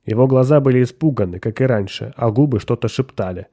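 A man reading a story aloud as narrator, giving the characters their own voices. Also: fast talker. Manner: expressive storytelling, shifting pitch for characters. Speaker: audiobook narrator. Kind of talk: scripted narration with voiced dialogue.

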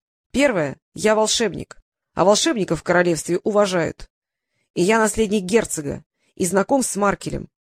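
A woman voicing an earnest young male wizard in an audiobook, pleading and quick to argue. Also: medium pitch, animated, dry recording, studio quality. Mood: arguing. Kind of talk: audiobook character reading.

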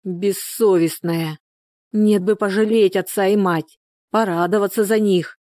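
A woman's voice: mid-range voice, fairly even intonation, measured pace, mellow, dry recording, studio quality, natural voice. A woman reading the part of a hot-tempered village wife and mother who scolds sharply. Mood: scolding.

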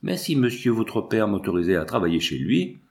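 A man reading the part of an earnest, proud young painter in a storybook, sincere and measured. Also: fairly low pitch, very animated. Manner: earnest, then cold and stiff.

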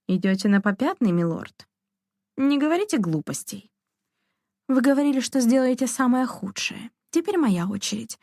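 A woman's voice: on the high side, lively intonation, moderate pace, no room sound, studio quality, pitched above the performer's own voice. Woman reading a bold, defiant young lady. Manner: firm, sharp, teasing. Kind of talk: audiobook character reading.

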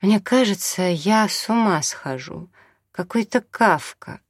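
A man's voice: sits high, expressive, slow pace, no room sound, studio quality, voice pushed up, full character voice. A man voicing a tearful, worn-out young mother. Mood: weary.

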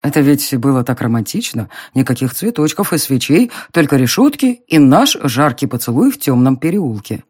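A narrator playing a smug young nobleman who mocks and teases in an audiobook reading, with a slow, drawling, low delivery. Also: sing-song, a little mellow, slightly rough. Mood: mocking.

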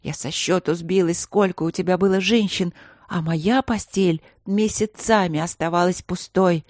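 A woman reading a novel aloud, voicing a desperate, furious queen who shouts and sobs accusations at her husband. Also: fairly low pitch, fairly even intonation, moderate pace, no room sound, studio quality, close to an everyday voice. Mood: anguished fury.

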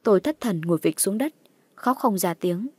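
A woman's voice: mid-range voice, animated, moderate pace, darkish tone, husky, no echo. Woman narrating a dramatic horror story. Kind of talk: first-person horror audiobook narration.

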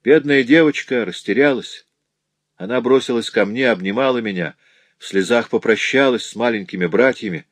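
A man's voice: mid-range voice, normal speed, no room sound, voice pushed up, natural voice. A man voicing a poor, grieving woman who tells of her husband's cruelty in a sorrowful, pleading way.

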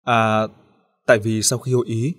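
A man's voice: lowish voice, little pitch movement, normal speed, natural voice. A man voicing a young nurse who speaks timidly and politely to a doctor and a mother. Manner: soft-spoken, polite.

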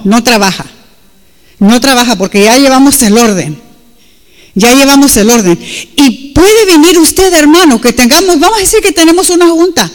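A woman's voice: high voice, long reverb tail. Emphatic woman preacher. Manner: switches between Spanish and English, emphatic and repetitive. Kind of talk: sermon.

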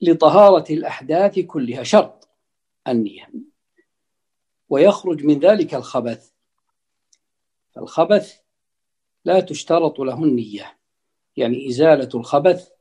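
Male scholar, teaching, fairly high voice, dark tone, deliberate, repeats phrases. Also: breathy edge. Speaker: religious teacher. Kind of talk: explaining a classical legal text.

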